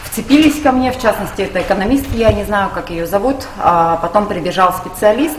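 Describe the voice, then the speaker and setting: A woman's voice: mid-range voice, a little fast, a little hiss or hum. A woman giving an indignant eyewitness account as a complainant during a confrontation. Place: indoors, government office. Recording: echoey room with people around.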